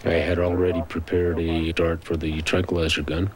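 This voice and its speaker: A man's voice: deep voice, little pitch movement, normal speed, crowd noise. A man who is a wildlife officer recounting an incident in an interview. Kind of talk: interview recollection. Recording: clearly noisy interview recording with clicks.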